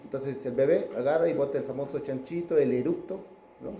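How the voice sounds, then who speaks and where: A man's voice: medium pitch, a little fast, creaky, warm tone, roomy sound, highs cut off, a little hiss or hum. A man giving a pediatrics class lecture, chatting with students and asking them questions.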